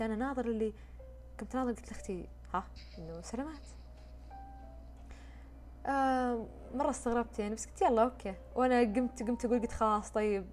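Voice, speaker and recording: Woman vlogger, quick and chatty storytelling, light music bed. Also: fairly high pitch. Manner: chatty, expressive retelling. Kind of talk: casual storytime chat.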